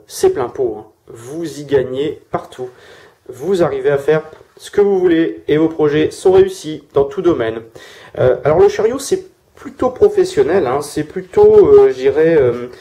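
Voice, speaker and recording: A man's voice: fairly high pitch, animated, moderate pace, mellow. A man giving a casual weekly tarot reading, hesitant with many fillers and restarts, speaking through a sore throat. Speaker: tarot reader.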